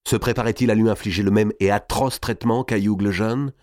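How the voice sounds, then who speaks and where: A man reading a historical novel aloud in a dramatic, measured narration. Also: lowish voice, fairly even intonation, a little mellow, no room sound, clean studio sound.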